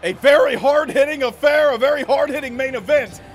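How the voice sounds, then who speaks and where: A man's voice: very high voice, a little fast. A man calling wrestling play-by-play in a dramatic, exclamatory style of match commentary.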